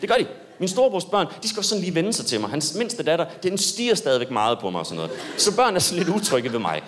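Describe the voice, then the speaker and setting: On stage, a young comedian tells a story in his stand-up set, delivering it animatedly and breaking into abrupt high-pitched yelps.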